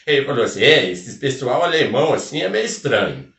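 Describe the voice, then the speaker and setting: A man's voice: mid-range voice, sing-song, fairly quick, gravelly, a bit bright. A man playing a folksy rural storyteller with a Minas Gerais caipira accent, rambling through a comic tale full of country interjections and asides. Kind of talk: comic folk tale telling. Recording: roomy sound from a distant mic.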